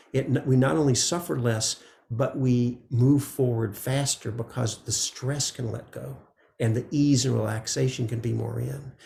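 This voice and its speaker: A man teaching meditation in a relaxed, conversational dharma talk, often checking in with "right?". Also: medium pitch, vocal fry, roomy sound, slight background noise. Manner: gentle, conversational, frequent "right?" asides.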